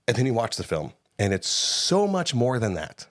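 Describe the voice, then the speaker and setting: A man co-hosting a podcast, giving a casual, animated movie review with frequent swearing and laughter, close on the mic. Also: medium pitch, moderate pace, no echo. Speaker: podcast co-host. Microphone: close studio mic.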